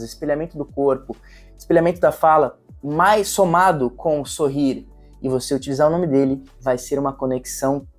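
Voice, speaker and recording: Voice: medium pitch, darkish tone. A sales trainer giving an instructional video talk, explaining techniques step by step and restating points.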